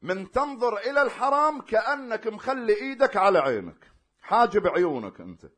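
A man preaching a sermon, swinging between loud emphatic declarations and hushed, quiet passages. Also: high voice, big pitch swings, a little fast.

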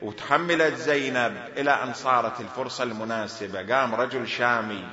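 A man preaching a mourning sermon, telling the story dramatically, dropping to low murmurs and rising to cries. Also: fairly quick, reverberant, muffled recording, crowd noise.

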